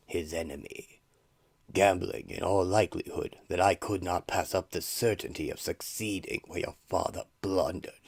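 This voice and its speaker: A man voicing an imperious armored villain sorcerer in a comic-book radio play, slow, pompous and eldritch, with breathy menace. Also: low-pitched, no echo.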